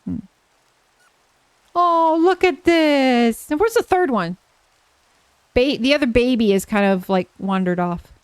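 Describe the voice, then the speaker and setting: A woman streamer giving casual live gameplay commentary, gushing and excitable as she talks to herself and her chat. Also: mid-range voice, normal speed, clean tone, dry recording.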